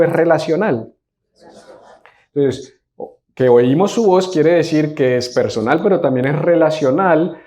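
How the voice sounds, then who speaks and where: A man's voice: medium pitch, warm tone. A man preaching a sermon as a pastor, emphatic, with rhetorical questions and call-and-response with the congregation. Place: church service.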